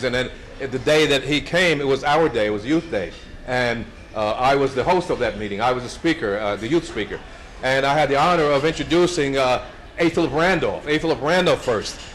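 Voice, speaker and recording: A man's voice: mid-range voice, fairly bright tone, a little hiss or hum. A man in his seventies giving a storytelling speech at a brunch event, anecdotal and chuckling, with many restarts. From United States. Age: 70s.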